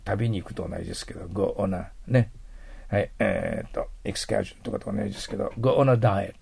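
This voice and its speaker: A man's voice: sits low, fairly even intonation, fairly quick, vocal fry, darkish tone, husky. A middle-aged man teaching an English vocabulary lesson, patient and explanatory, often trailing into a near whisper at the ends of phrases.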